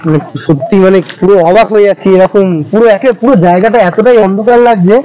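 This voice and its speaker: A man's voice: sits high, fast talker, warm tone, lo-fi sound. A man chatting casually and spontaneously on a vlog, repeating words and phrases for emphasis. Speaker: ghost-hunting vlogger. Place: outdoors at night in a dark field.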